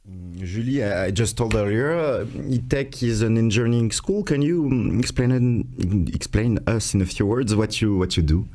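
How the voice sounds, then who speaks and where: Male host, lowish voice, hesitant delivery full of ums; live online Q&A. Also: normal speed, hardly any pauses, dark tone.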